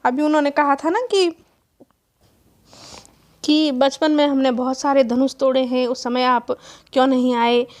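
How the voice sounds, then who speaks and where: A woman with a high voice teaches unhurriedly, reciting verse to a measured rhythm before going back over it line by line. She speaks slowly and patiently, the way a teacher talks to a class. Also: steady tone. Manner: slow, rhythmic chanting of verse, then explaining line by line. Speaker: Hindi teacher. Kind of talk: chanted verse recitation and explanation for students.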